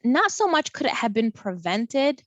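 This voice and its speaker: A woman professor lecturing a college class over a video call, chatty and lively, often repeating words. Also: a little high, measured pace, no echo.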